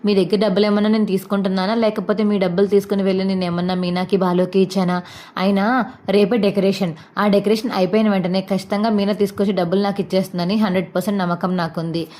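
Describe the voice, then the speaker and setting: A woman's voice: medium pitch, little pitch movement, fast talker, dark tone, natural voice. A woman voicing a firm, outspoken young daughter-in-law who argues indignantly.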